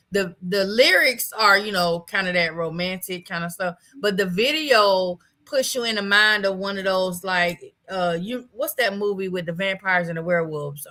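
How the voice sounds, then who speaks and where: A woman hosting a casual talk show, chatting in an animated way and laughing often. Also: medium pitch, low-quality recording. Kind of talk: casual chat.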